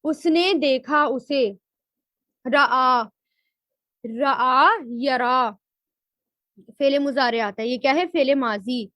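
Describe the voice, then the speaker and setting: High-voiced woman teaching a Quran lesson. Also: a bit bright, no room sound. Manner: asks questions and answers them herself; slows to spell out Arabic word forms. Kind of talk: Quran grammar and tafseer lesson.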